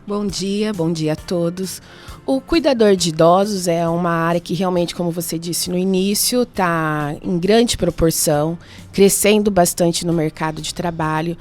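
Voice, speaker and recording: A woman with a Brazilian Portuguese accent speaks at an ordinary middle pitch in a radio studio. She explains her work as a nurse step by step, ticking off qualities one after another. Her tone stays informative and conversational. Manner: explanatory, lists points with frequent tag questions. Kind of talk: radio interview answers.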